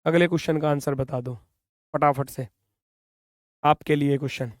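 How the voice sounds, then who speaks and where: A man with an Indian accent teaches reasoning in English for an online exam-prep class, brisk and coaxing, at times playfully scolding students. His voice is a little high and steady. The studio sound is clean, with no room sound.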